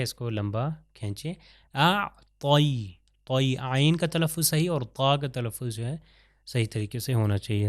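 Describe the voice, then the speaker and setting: A man teaching Quran recitation over slides, explaining letters and then slowly drawing out sample verses. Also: medium pitch, no room sound, clean studio sound. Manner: slow drawn-out sample recitations between explanations. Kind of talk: pronunciation lesson over slides.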